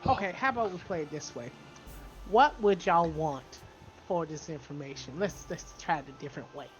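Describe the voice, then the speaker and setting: A brash woman at a tabletop game, swearing freely as she plays. Her pitch swings widely, with faint music behind her. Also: animated, normal speed. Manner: brash, swearing, laughing often. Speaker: player. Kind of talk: casual tabletop game play.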